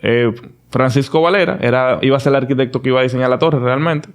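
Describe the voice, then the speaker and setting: A man, a podcast guest telling his story in a casual, animated, confident way with frequent restarts. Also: medium pitch, fast.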